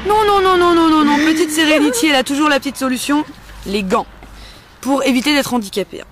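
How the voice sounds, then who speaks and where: A woman whose voice sits high and sounds fairly bright hosts a casual spoken demonstration of homemade beauty care. She goes a little fast, staying chatty, playful and informal, with slight background noise.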